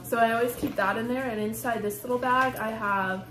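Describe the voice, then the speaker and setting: A woman's voice: fairly high pitch, fairly even intonation, a little fast, a crowd in the background. A young woman, chatting casually to camera in a vlog, upbeat and full of "like". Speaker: vlogger.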